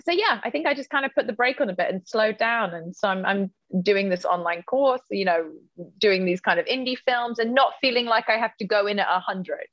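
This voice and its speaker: A woman's voice: medium pitch, brisk, a bit bright, dry recording, muffled recording. A woman turns of phrase, chatting casually and playfully in a rambling way as an interview guest. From Britain. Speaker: interview guest, model and actress. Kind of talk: casual chat.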